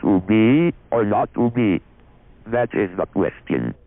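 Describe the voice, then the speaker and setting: A computer-synthesized male robot voice, made by rule, reading demonstration sentences and a recorded phone message with a flat, mechanical delivery. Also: on the low side, slow, no echo. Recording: dry, tinny lo-fi archival audio.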